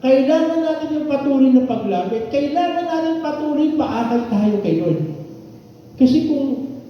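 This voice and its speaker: A man's voice: very high voice, lively intonation, moderate pace, a little hiss or hum. A man from the Philippines preaching a sermon to a congregation, asking rhetorical questions and repeating key lines for emphasis. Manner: asks rhetorical questions with tag "no?". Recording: distant, echoey hall, dull sound.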